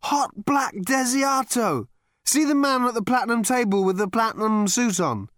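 A man's voice: very high voice, lively intonation, moderate pace, fairly bright tone, dry recording, clean studio sound, pitched above the performer's own voice. A man voicing a drunk male alien traveller who rambles in a slurred, overfamiliar way. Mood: chummy.

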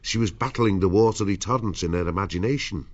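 A man's voice: deep voice, fast, muffled recording. A man narrating an adventure audiobook in a dramatic scripted storytelling style.

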